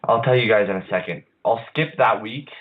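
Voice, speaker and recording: A man hosting an online radio show, talking casually with lots of hesitations and restarts. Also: fairly low pitch. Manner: halting, many uhs and restarts. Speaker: podcast host. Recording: phone-line quality audio.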